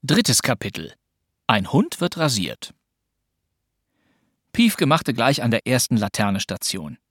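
An audiobook narrator telling a children's story with animated, wide-ranging pitch. The delivery is expressive and clearly scripted. The recording is dry, close and studio-clean. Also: slow pace, no room sound.

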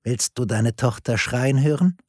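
A man's voice: lowish voice, normal speed, a little mellow, slightly rough, no echo, clean studio sound. A man voicing a cold male kidnapper on the phone who disguises his voice and speaks in a taunting, commanding way.

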